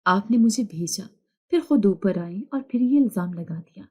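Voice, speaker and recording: A woman playing a timid young wife in an audio story, speaking quietly with a shaky, tearful voice. Her tone stays soft and mellow. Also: mid-range voice, animated, slightly rough. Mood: pleading. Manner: quiet, trembling.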